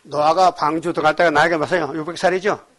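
High-voiced emphatic Korean preacher man. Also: fairly even intonation, fast. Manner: call-and-response, rhetorical questions to the congregation; emphatic, swings between loud exhortation and quiet asides. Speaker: pastor. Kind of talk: sermon.

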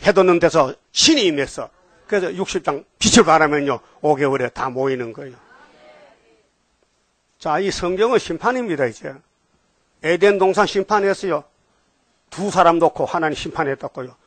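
A man with a Gyeongsang Korean accent preaching a sermon in a lively way, often firing questions at his congregation. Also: a little high, moderate pace, long pauses, no room sound. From Gyeongsang region, Korea. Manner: animated, questions the congregation, jumps between topics. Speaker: pastor.

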